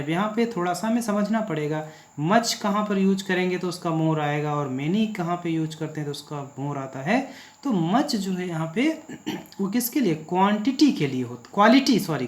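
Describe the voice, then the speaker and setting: A male teacher from India explains grammar and keeps posing questions to the class and answering them himself. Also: high-pitched. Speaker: English teacher. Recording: echoey room.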